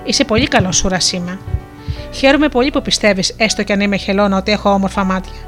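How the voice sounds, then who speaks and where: A melodious, good-natured sea princess in the guise of a talking turtle, as a woman narrator puts her on. She teases gently and speaks with easy warmth. Faint music plays under the storybook reading. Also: mid-range voice, natural voice. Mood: gentle. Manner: melodious, playful and kind.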